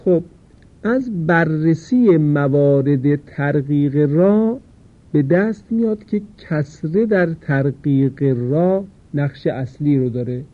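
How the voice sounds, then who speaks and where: A man teaching a Quran recitation lesson, explaining rules patiently and slowly drawing out the example words. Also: fairly high pitch, animated. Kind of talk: tajweed lesson. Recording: tinny phone-like lo-fi sound.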